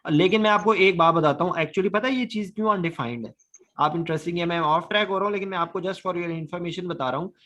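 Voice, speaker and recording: A man with a high-pitched, fairly bright voice moves at a quick clip through an online anesthesia lesson. He tests his students with questions and mixes English medical terms into his Urdu.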